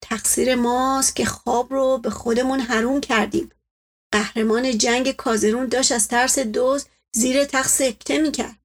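A woman's voice: sits high, steady tone. A woman voicing a middle-aged man muttering sarcastic remarks under his breath.

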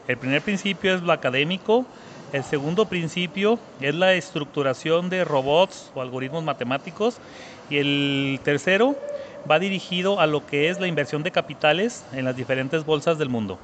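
A man's voice: on the high side, moderate pace, fairly bright tone, slight background noise. A Mexican man in his thirties, answering interview questions earnestly, often repeating words for emphasis. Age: 30s. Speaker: guest entrepreneur.

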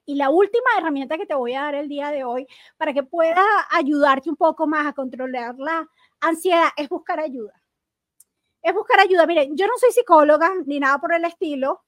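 A woman's voice: high voice, brisk, no echo, clean studio sound. A woman hosting a motivational self-help talk, earnest, speaking straight to her listeners and acting out everyday exchanges. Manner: earnest, addresses listeners directly, acts out everyday dialogue. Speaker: podcast host.

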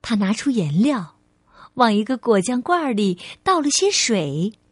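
A woman storyteller reading a children's bedtime story aloud in a gentle way, speaking to a little listener. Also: on the high side, sing-song, breathy edge, dry recording, clean studio sound. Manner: slow, gentle, addresses child as sweetheart.

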